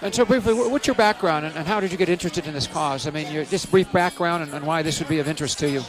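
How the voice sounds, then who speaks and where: A man co-hosting an interview, asking quick, inquisitive follow-up questions. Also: fairly high pitch. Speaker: co-host. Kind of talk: interview chat. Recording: music playing underneath.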